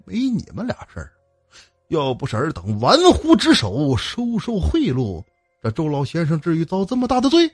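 A man's voice: on the high side, huge pitch swings, normal speed, slightly rough, no echo, studio quality, faint music behind, pitched above the performer's own voice, exaggerated voice. A man voicing a stern, commanding old immortal healer in a spooky folk tale.

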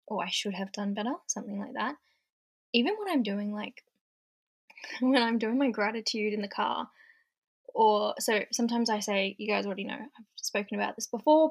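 A young woman hosting her own podcast, talking casually and chattily with lots of "like" fillers and light laughs. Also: a little high. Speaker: podcast host. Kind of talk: casual solo podcast talk.

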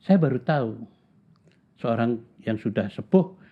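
A man in his seventies telling stories from his life in a slow, reflective way, pausing often and repeating words for emphasis. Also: medium pitch, animated, husky. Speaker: interviewee. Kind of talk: reflective storytelling in conversation. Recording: tinny phone-like sound.

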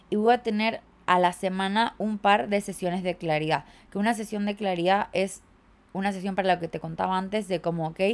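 Speaking in a mid-range, slightly mellow voice, this young woman from Chile hosts a podcast and works as a coach. She chats casually and reflectively, leaning heavily on filler words like "como."

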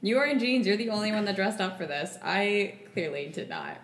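A woman's voice: mid-range voice, lively intonation, brisk. A young woman hosting a podcast in casual, conversational style. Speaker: podcast host. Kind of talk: casual chat. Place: kitchen table at home. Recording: echoey room.

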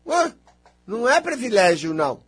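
A man with a Brazilian Portuguese accent giving an animated spoken monologue, emphatic and teasing as he scolds and coaxes his listener directly. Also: extremely high pitch, moderate pace, slightly rough, no echo.

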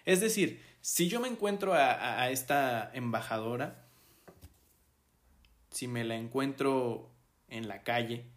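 A Mexican man with a mid-range voice, hosting a solo podcast and commenting on the week's news. He talks slowly and unhurriedly, pausing on fillers and restarting his phrases as he thinks aloud. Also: mid-range voice. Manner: slow, hesitant, many fillers and restarts. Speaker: podcast host.

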